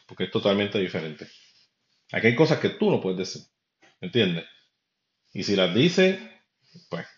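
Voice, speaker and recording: A man from Puerto Rico with a Puerto Rican Spanish accent, hosting a podcast and giving his opinions in a rambling, conversational way that speaks straight to the listener. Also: fairly low pitch. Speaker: podcast host. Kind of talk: casual opinion monologue. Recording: roomy, dull lo-fi recording.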